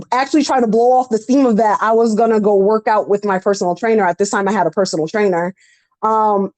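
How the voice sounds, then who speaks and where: A woman's voice: on the high side, a little mellow, no room sound, poor audio. A woman in her thirties telling a personal story on a podcast, rambling with lots of fillers. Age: 30s. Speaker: podcast co-host. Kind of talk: casual chat, personal storytelling.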